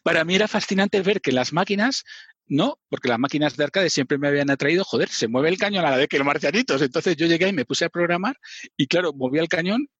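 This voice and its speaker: A man's voice: fairly high pitch, animated, fast talker, a bit bright, breathy edge, no room sound. A middle-aged man, telling stories as a podcast guest in a chatty, self-mocking way. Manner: chatty, self-mocking, often laughing and restarting. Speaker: podcast guest, former magazine writer. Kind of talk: casual interview storytelling. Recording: dull lo-fi dry sound.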